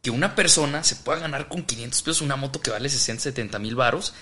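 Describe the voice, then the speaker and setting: A man's voice: mid-range voice, fast, bright, forceful tone. A man, a motorcycle vlogger guest, telling a story in casual chat and acting out the quoted lines. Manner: laughs often, acts out quoted dialogue.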